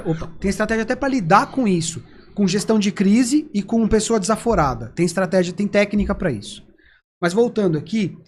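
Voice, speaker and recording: Animated Brazilian man explaining techniques. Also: sits high, a little hiss or hum. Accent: Brazilian Portuguese. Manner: animated, acts out quoted dialogue. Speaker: persuasion trainer and guest. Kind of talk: conversational explaining with acted examples.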